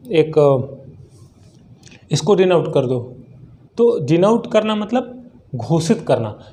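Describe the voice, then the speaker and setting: A man from India teaching English vocabulary in Hindi, his voice fairly high and mellow. He explains patiently, keeps asking his listeners rhetorical questions, and drops English phrases into his Hindi. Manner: explains words slowly with many rhetorical questions; mixes English words into Hindi. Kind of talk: spoken English lesson in Hindi.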